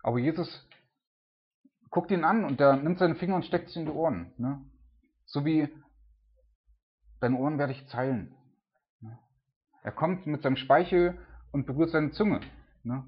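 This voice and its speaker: A man's voice: a little high, normal speed, pauses often, slightly rough, dull audio. A middle-aged father talking informally through a Bible passage, with lots of filler words. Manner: chatty, many fillers like "ne" and "so". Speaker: Bible teacher.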